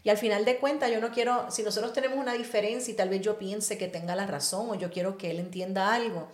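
A middle-aged woman, a pastor's wife, telling a personal testimony in an animated way and mixing in English words. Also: mid-range voice, fast. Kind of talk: conversational testimony. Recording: roomy echo.

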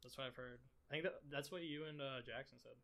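A man's voice: mid-range voice, fast talker, bright, forceful tone. A young man co-hosting a casual podcast chat, rambling through stories and laughing often. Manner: rambling, laughs a lot while telling stories. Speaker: podcast co-host.

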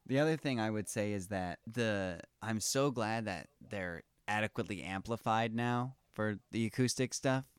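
Low, smooth-voiced easygoing man. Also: moderate pace, hardly any pauses, no room sound. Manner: easygoing, filler-heavy, trailing off. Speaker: podcast co-host. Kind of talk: casual chat.

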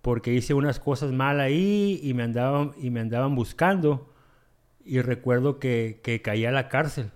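A man telling his recovery testimony, halting and repeating himself, acting out dialogue as he goes. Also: mid-range voice. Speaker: guest sharing a recovery testimony. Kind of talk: emotional personal storytelling.

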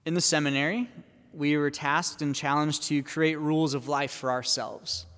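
A man, a priest, giving a Sunday homily at a pulpit microphone in a church, speaking in a measured way and posing questions to the congregation. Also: on the high side, fairly even intonation, fairly bright tone. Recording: long church reverb.

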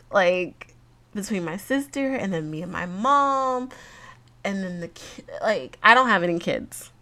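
Her voice is a little high and a bit bright. She's a vlogger in her late twenties, sounding congested as she chats casually to camera, laughing frequently and using plenty of fillers.

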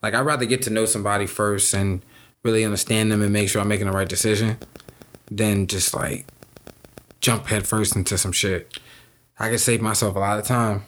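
A man's voice: on the low side, level tone, a little fast, a bit bright. A man co-hosting a podcast in laid-back casual chat, swearing and laughing often. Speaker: podcast co-host.

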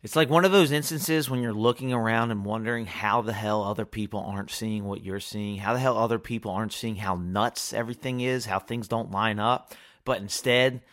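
A man hosting a solo podcast, talking candidly and profanely, swinging between heated ranting and quiet reflection. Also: fairly low pitch, fairly quick. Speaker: podcast host.

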